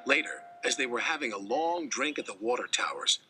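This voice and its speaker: A man's voice: fairly quick, background noise. A man narrating a children's train story, changing his voice for each character. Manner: lively, shifts pitch for each engine voice. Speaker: narrator voicing all characters.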